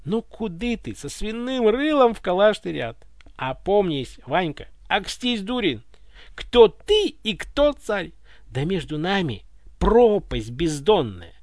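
A man voicing a pompous, touchy old tsar in a dry, close read, using a lively voice that keeps rising into roaring anger. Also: high-pitched, slow pace, dry recording, pitched above the performer's own voice, exaggerated voice. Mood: scolding. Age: older. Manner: pompous, roars when offended.

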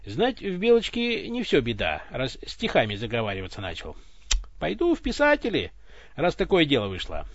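A man voicing a rough-spoken space fleet pilot with a blunt, coarse manner, on a dull, dry recording. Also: mid-range voice, huge pitch swings, normal speed, no room sound. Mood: boastful.

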